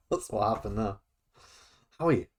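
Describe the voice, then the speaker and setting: A young man hosts a casual podcast chat in a fairly low, darkish voice. He's chatty, laughs a lot and keeps tripping over his words.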